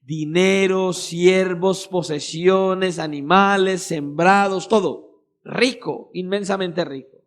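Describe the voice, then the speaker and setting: A Colombian-accented pastor preaches in a very high voice. He presses his points with rhetorical questions and repeats key phrases for emphasis. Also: fairly even intonation, takes it slowly. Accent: Colombian Spanish. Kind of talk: sermon. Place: church meeting hall.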